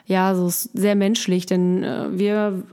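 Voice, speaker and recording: A woman's voice: medium pitch, little pitch movement, slow pace, mellow, clear, resonant tone. A woman coach giving a casual motivational talk straight to the listener, encouraging and chatty, often restarting her sentences.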